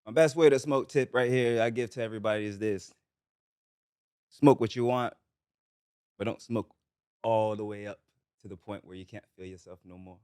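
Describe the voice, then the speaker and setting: A man from Barbados, a reggae artist chatting as a guest in a relaxed, upbeat way. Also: lowish voice, normal speed, pauses often, clear, resonant tone, no room sound, studio quality. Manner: laid-back, upbeat, full of slang and "yes, sir". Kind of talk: casual interview chat.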